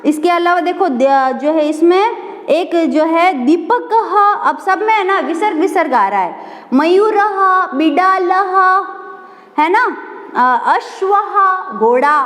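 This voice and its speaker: Female teacher, very high voice, unhurried and patient; echoey room with long reverb. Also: animated. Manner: patient, repeats words slowly and asks the class questions. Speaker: school Sanskrit teacher. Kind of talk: recorded online class lesson.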